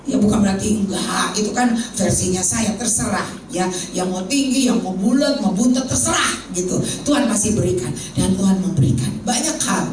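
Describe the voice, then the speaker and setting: A middle-aged woman giving a lively sermon testimony in a church hall, joking with the congregation, her voice leaping up when excited. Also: medium pitch, moderate pace, hardly any pauses, soft background music. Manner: animated, jokes with the congregation, voice leaps up in excitement. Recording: very echoey hall, heard from far off.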